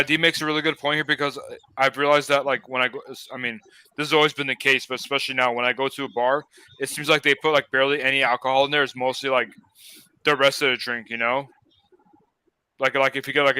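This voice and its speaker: A man's voice: mid-range voice, pushed and bright, clear, resonant tone, no room sound. A young man hosting a live-stream hangout, chatting in a laid-back, rambling way with lots of fillers. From Los Angeles area. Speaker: host. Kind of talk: casual live-stream chat.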